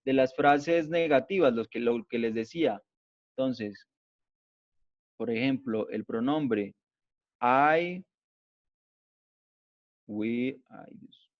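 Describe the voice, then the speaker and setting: A male teacher giving an online grammar class, explaining slowly and patiently and checking in after each point. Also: medium pitch. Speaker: English teacher. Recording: dull lo-fi online class audio.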